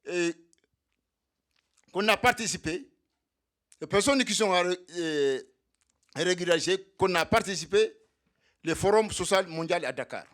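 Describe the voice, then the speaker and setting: A man's voice: high voice, lively intonation, a little slow, pauses often, fairly bright tone. A man giving a militant speech to comrades at a solidarity evening, speaking for undocumented migrants and repeating his points to rally the room. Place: meeting hall.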